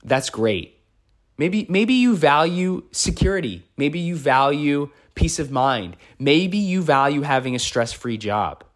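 This life coach, an American man in his thirties, speaks a little slowly in a slightly high voice with big pitch swings. He's giving an impromptu motivational monologue on a podcast, repeating phrases for emphasis.

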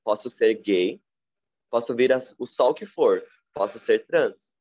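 A man with a Brazilian Portuguese accent tells a personal story as a podcast guest, mid-pitched and reflective. His voice leaps up and down as he gets caught up in the telling. The audio is a little dull and lo-fi. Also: slow pace, slightly rough, no echo. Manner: animated, reflective storyteller with big pitch swings.

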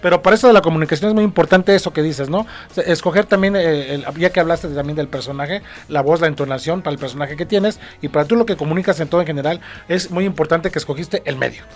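Chatty Mexican co-host, fairly high voice. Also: male voice, fast, few pauses. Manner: chatty, frequent short agreements. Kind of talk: casual radio-style chat.

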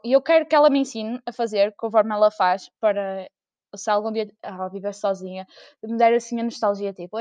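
A woman's voice: medium pitch, dry recording. A young woman with a European Portuguese accent, chatting casually on her own podcast, laughing often and acting out her family's voices. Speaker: podcast host. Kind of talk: casual solo chat.

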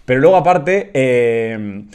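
A man's voice: medium pitch, expressive, slow pace, a little mellow. Bantering man with a Madrid accent. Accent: Madrid Spanish. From Spain. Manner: bantering, laughs often, argues playfully. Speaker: podcast co-host. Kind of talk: casual comedic chat.

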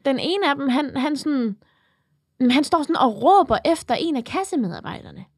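A woman in her twenties co-hosting a podcast, telling an animated story in casual chat with lots of swearing. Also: high-pitched, dry recording, studio quality. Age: 20s. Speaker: podcast co-host.

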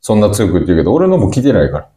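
A man's voice: lowish voice, very fast, reverberant. A man with a Kansai accent co-hosting a casual comedy radio show, reading listener mail and teasing his partner. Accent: Kansai Japanese. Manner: teasing, animated banter with sudden loud jumps.

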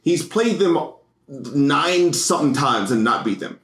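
An American man co-hosting a casual sports podcast, rambling and excitable, laughing often. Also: on the high side, a little slow. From United States. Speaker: podcast co-host. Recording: echoey room.

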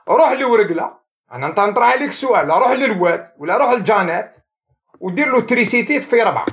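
Algerian professor guy talking super fast, pitch jumps all over, throws in french words. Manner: animated, mixes French and English terms. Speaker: economics professor, guest. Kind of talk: explanatory interview talk.

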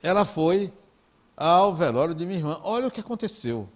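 A man with a Brazilian Portuguese accent, giving a talk in an animated, conversational storytelling way. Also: high voice, a little fast. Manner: animated, conversational, acts out dialogue.

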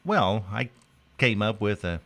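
A man with a slightly deep voice hosts casual radio banter. His pitch swings widely as he tells stories in a wry, teasing, comic way. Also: very animated, a little slow, a bit bright. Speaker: radio morning show host.

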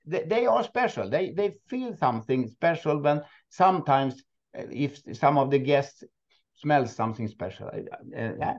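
A Swedish man who owns a moose park, speaking halting, non-native English with many restarts and frequent laughs in a casual interview. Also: a little high, expressive, lo-fi sound. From Sweden. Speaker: moose park owner, guest.

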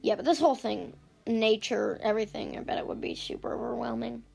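A woman hosts a casual podcast, speaking into an iPad in a fairly high voice roughened by frequent fry. She talks in a loose, rambling way, breaking off mid-sentence and tossing in giggly asides. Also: fairly even intonation, fairly quick, mellow. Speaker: podcast host recapping books. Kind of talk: casual chat.

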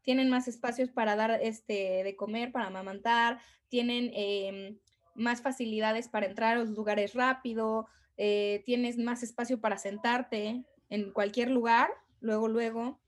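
A woman's voice: fairly high pitch, steady tone, unhurried. A Mexican woman talking as a guest on a podcast, in a chatty way with many fillers and restarts. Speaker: guest, tour guide. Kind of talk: casual podcast conversation.

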